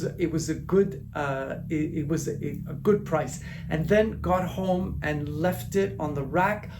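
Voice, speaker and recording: A man's voice: sits high, a little mellow. A man, a designer hosting his own channel, talking in a chatty, affectionate way about his gowns and often restarting his sentences, recorded in his living room at home. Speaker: gown designer and channel host. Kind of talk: casual show-and-tell vlog.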